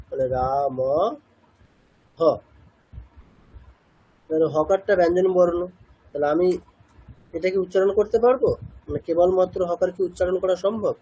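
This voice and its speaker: A man's voice: high-pitched, fairly even intonation, fast, warm tone, breathy edge, poor audio. A man teaching chanting pronunciation in a patient class lesson, asking questions and answering them himself. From India. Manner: patient, asks and answers his own questions.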